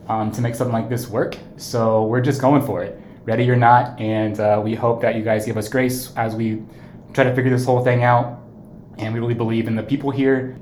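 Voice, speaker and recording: A young man from Ohio hosting a casual podcast chat, easygoing and quick to laugh. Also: medium pitch, darkish tone. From Ohio, USA. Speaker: podcast co-host, marketing agency owner. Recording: roomy, faint background noise.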